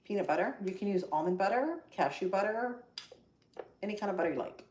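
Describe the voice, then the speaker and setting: A woman's voice: medium pitch, expressive, fairly quick, darkish tone. A woman with a Spanish accent, from Central Florida, hosting a casual live cooking stream in a home kitchen. She is chatty and upbeat, greets viewers by name and talks through each step. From Central Florida, United States. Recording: echoey room with faint background noise.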